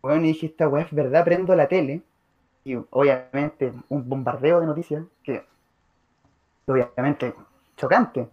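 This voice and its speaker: A man's voice: on the high side, measured pace, long pauses. A young man with a Chilean accent speaks earnestly in a casual chat, using plenty of slang. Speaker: podcast co-host. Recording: dull lo-fi audio.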